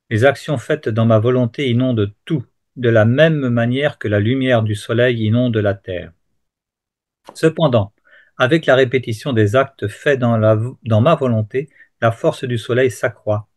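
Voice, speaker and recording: A man's voice: medium pitch, darkish tone. Man reading devotional text steadily. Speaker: reader in prayer group. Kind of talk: reading a spiritual text aloud.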